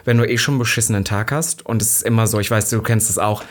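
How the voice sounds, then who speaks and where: Male podcast co-host: quick, dry, laid-back, casual banter. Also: fairly low pitch, fairly even intonation. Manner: laid-back, wry, drops English words. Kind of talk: casual chat.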